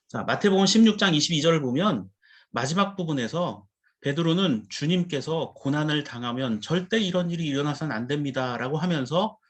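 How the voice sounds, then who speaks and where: A male pastor preaching a sermon, explaining Bible words and putting questions to the congregation. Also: on the high side.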